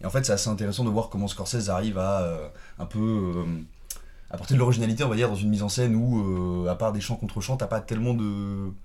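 A man's voice: on the low side, fast talker, dark tone. Rambling man chatting about films. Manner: rambling, many fillers and restarts. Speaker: podcast co-host. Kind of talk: casual film chat.

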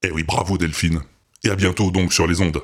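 A man hosts a podcast in a chatty, teasing manner. His voice is low and a little husky. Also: fairly even intonation, fairly quick, soft background music. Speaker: podcast host. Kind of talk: casual podcast announcement.

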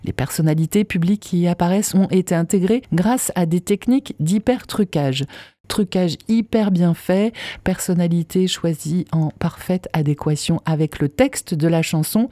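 Warm-voiced woman presenting a radio music segment. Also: on the low side, normal speed, no room sound, studio quality.

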